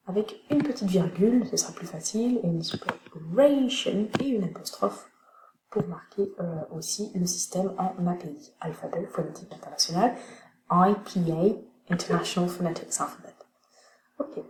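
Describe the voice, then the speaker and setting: A woman's voice: fairly low pitch, warm tone. A woman teacher explaining a lesson in a chatty way, with many fillers. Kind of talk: recorded classroom lesson. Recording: echoey room with faint noise.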